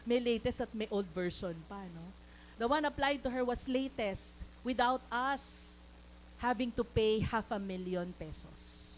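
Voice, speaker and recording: A woman's voice: a little high, measured pace, poor audio. Filipino woman, church sermon, raised voice, faint hum behind. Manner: mixes English into Tagalog, calls for amens. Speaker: lay preacher.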